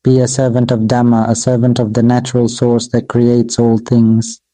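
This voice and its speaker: A Buddhist monk delivering a dharma sermon in a very dark, mellow voice that stays almost level in pitch. He speaks in slow, measured, repetitive phrases that sound like an incantation. The sound is close and dry, with no room echo. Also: completely flat delivery. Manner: addresses his own voice as "Mister Voice".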